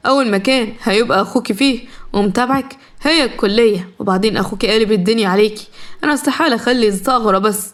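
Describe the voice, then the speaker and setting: A woman's voice: on the high side, racing, close to an everyday voice. A woman playing a cold, threatening husband. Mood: mocking cold. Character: harsh, controlling male husband and captor.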